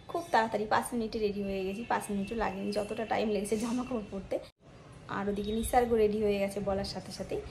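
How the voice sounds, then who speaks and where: A woman's voice: medium pitch, vocal fry, darkish tone, slight background noise. A middle-aged woman, chatting casually to viewers while she cooks in her kitchen. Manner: chatty, talks to viewers directly. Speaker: vlogger. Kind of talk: casual home vlog narration. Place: home kitchen.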